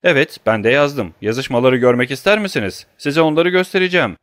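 A man's voice: mid-range voice, expressive, brisk, a bit bright, dry recording, studio quality, voice pushed up, close to an everyday voice. A man reading an audiobook who voices a middle-aged banker who is frightened but indignant, protesting in a defensive, agitated way.

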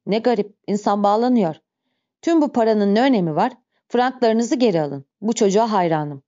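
A woman's voice: mid-range voice, lively intonation, normal speed, dark tone, close to an everyday voice. A woman reading an audiobook speaks the part of a sly male innkeeper who feigns fond, earnest feelings in her own voice. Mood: falsely earnest. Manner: smooth, falsely earnest. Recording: dull lo-fi recording.

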